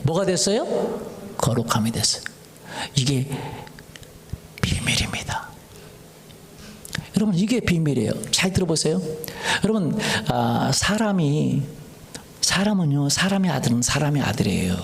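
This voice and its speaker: A man preaching a sermon as pastor, asking the congregation questions and swinging from hushed whispers to loud fervent lines. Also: mid-range voice, creaky. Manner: call-and-response preaching, dropping to whispers then rising loud; playful, mimics dogs and children. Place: church sanctuary. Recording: echoey church hall.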